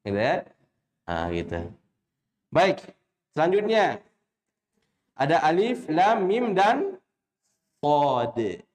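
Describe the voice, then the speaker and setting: A man with an Indonesian accent teaching Quran recitation, drilling letter names slowly and quizzing his students with short questions. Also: on the high side, big pitch swings, a little mellow, roomy sound. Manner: chants drawn-out letter names when demonstrating. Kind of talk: classroom lesson with call-and-response recitation.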